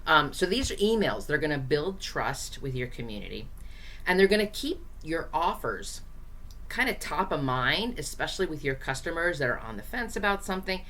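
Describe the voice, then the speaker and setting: Hoarse and low-pitched with big pitch swings, a woman coaches small business owners in a casual, chatty teaching style. She talks directly to her viewers at a moderate pace, her voice a bit bright, using frequent fillers.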